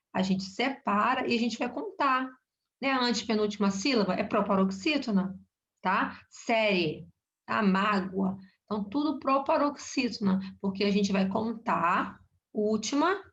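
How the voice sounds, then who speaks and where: Brazilian woman teaching a grammar lesson. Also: mid-range voice. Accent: Brazilian Portuguese. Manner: explanatory, checks in with frequent "tá?" and "ok?". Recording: dull lo-fi recording.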